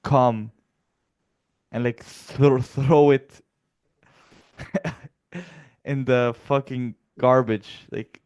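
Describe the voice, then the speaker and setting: Young man from Egypt, podcast co-host; smooth voice, blunt crude comic rants. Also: medium pitch, steady tone, extremely slow, long pauses, darkish tone. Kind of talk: casual comedy podcast chat.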